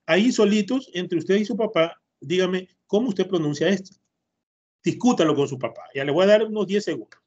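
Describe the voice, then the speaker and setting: A patient male teacher with an Ecuadorian Spanish accent, leading an online class for children and drilling pronunciation by saying words over and over. His voice is a little husky and sits fairly high for a man. It comes through a computer mic on a video call, muffled and lo-fi. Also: brisk, darkish tone. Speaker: English teacher.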